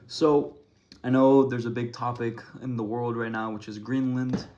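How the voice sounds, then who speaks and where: Young male vlogger, mid-pitched, chatty and self-deprecating, talking to camera with frequent restarts. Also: little pitch movement, normal speed, darkish tone, highs cut off. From Ecuador. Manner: rambling, self-deprecating, many restarts and fillers. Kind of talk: casual to-camera monologue.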